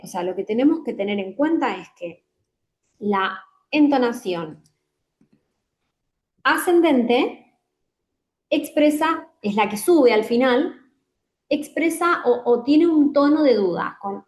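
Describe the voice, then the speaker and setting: A woman, a guest on the show, calmly teaching job interview communication with frequent fillers and worked examples. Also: mid-range voice. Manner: didactic, hesitant fillers, gives spoken examples. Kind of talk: explanatory interview talk.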